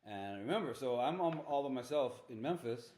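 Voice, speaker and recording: A man's voice: medium pitch, expressive, a little fast, mellow. A middle-aged father telling his story in a casual interview, frank and profane, often checking with "right?". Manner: frank, swears, keeps asking "right?". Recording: echoey room.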